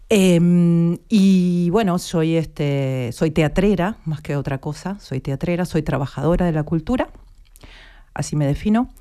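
A woman in her fifties with an Argentine Spanish accent is a guest on a radio interview, speaking reflectively and searching for her words. Her voice is low-pitched and warm.

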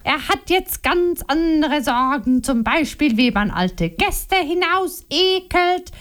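A woman's voice: animated, slow pace, a bit bright, exaggerated voice. A woman reading a stout, fiery innkeeper's wife in an audiobook, scolding and agitated. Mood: indignant. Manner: agitated, scolding, raised pitch.

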